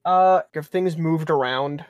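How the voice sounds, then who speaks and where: A tabletop game player speaking hesitantly, with halting restarts and fillers. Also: medium pitch, dry recording, studio quality.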